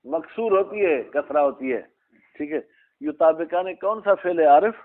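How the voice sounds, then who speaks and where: A man teaching an Arabic grammar class, explaining slowly and quizzing his students by name. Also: a little high, animated. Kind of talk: classroom lesson, questioning students. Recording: tinny phone-like recording.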